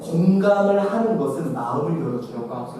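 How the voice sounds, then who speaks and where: A male pastor delivers a playful seminar lecture, peppering the room with questions. His voice sits high and swings widely. It is picked up from a distance in a big, echoey hall. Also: a little fast, a crowd in the background. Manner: lively, questions the audience, acts out scenes.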